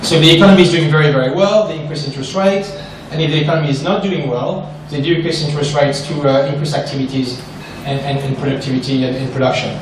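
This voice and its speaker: A slightly high-voiced man from France talks fast with few pauses as he gives an investment seminar in an echoey hall before an audience. He's animated, poses questions to listeners and keeps saying "right?"; the far-off recording has light hiss or hum.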